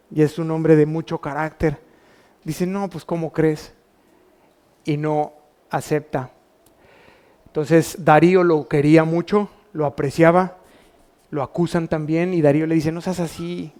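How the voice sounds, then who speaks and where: Pastor, Mexican Spanish accent, male, lightly raised pitch, preaching with rhetorical questions to his congregation. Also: a little mellow. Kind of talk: sermon. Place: church.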